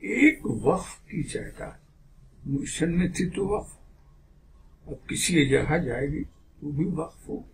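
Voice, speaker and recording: A man's voice: fairly high pitch, big pitch swings, slow, creaky, pauses often, a little hiss or hum. A man speaking as a religious elder in a sermon-style address, with an aggrieved, indignant manner full of rhetorical questions.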